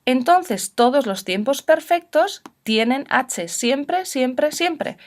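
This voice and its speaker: A woman's voice: sits high, animated. Patient female Spanish teacher from northern Spain. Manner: patient, explains slowly with many examples. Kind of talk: classroom lecture on spelling.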